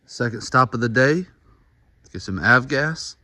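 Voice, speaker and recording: A man's voice: medium pitch, expressive, measured pace, bright, forceful tone, no echo. A man filming a trip as a travel companion, giving short on-the-spot commentary in clipped phrases. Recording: clear engine and vehicle noise. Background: vehicle and engine noise.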